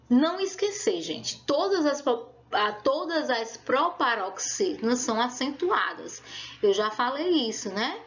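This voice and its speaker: A woman's voice: high voice, fairly bright tone, lo-fi sound. A woman teacher giving a remote lesson, explaining step by step and checking in with her pupils. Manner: explaining patiently, checking in with "certo?" and "tá?".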